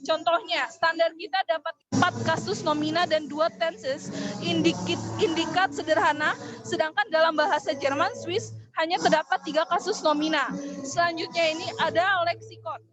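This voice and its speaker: A young woman, a student, reading her part of a class presentation in a measured way with occasional small hesitations. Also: very high voice, steady tone, over music. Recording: dull lo-fi recording.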